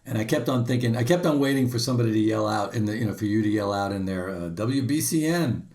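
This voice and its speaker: Eager low-voiced radio host. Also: male voice, steady tone, rapid-fire, darkish tone. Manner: enthusiastic, many fillers. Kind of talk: casual interview. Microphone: video call.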